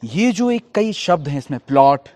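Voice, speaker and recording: A man's voice: on the high side, big pitch swings, moderate pace, a little mellow. A man hosting an interview, asking questions politely and often backing up the guest with short agreements. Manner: polite, frequent "जी" and "बिल्कुल" affirmations. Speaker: interview host.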